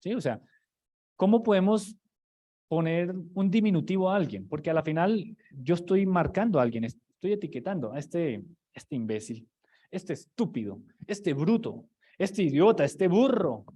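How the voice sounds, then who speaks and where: A man teaches from the pulpit in a loose, conversational way, restarting phrases and throwing rhetorical questions at his congregation. His voice sits a little on the high side for a man. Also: big pitch swings, normal speed, mellow, breathy edge. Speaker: preacher. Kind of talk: sermon teaching.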